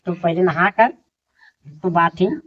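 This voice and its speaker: Man, teacher, grammar lesson, word-by-word dictation, unhurried, muffled lo-fi audio. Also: sits high. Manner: slow, repeats each word as if dictating. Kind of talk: slow Hindi grammar lesson, dictating sentences. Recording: dull lo-fi sound.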